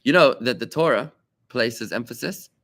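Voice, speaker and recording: Animated male rabbi teaching Talmud. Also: medium pitch, moderate pace. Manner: animated, asks rhetorical questions, repeats key lines for emphasis. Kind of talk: lively classroom teaching. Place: study room with students.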